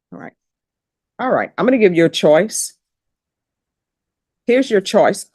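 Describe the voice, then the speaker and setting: A woman's voice: lowish voice, darkish tone, dry recording, clean studio sound. A woman judge, presiding over a court hearing in a firm, direct manner.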